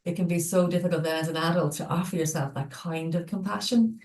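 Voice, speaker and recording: Low, gravelly woman, echoey and distant. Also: steady tone, darkish tone. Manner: measured, explanatory. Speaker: clinical psychologist guest. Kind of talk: webinar discussion. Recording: echoey room, distant mic.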